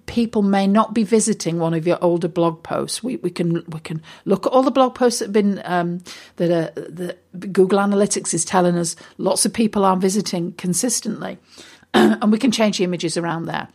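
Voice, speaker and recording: A woman's voice: lowish voice, moderate pace, darkish tone, slightly rough. A woman talking casually as a business coach and host, chatty with many fillers and restarts. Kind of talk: casual solo talk.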